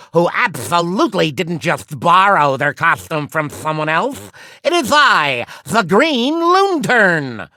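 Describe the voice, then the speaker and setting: A man's voice: a little high, sharp tone, dry recording, heavily acted. A man voicing a vain, cowardly cartoon duck superhero in a video game, with a slushy lisp and a bombastic, wisecracking manner. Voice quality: wet lateral lisp, slushy sibilants.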